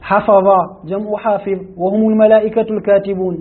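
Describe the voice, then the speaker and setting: A man's voice: high voice, flat delivery, a little fast. A man reading a classical commentary aloud in a lesson, carefully, with stumbles and restarts. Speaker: student reading the text aloud. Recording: tinny phone-like lo-fi audio.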